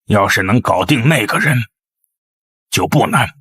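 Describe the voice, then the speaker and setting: An older man playing the commanding grandfather of a wealthy family, giving measured orders. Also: fairly low pitch, expressive, fairly bright tone, slightly rough, exaggerated voice. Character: stern elderly patriarch of a rich family. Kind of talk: TV drama acting.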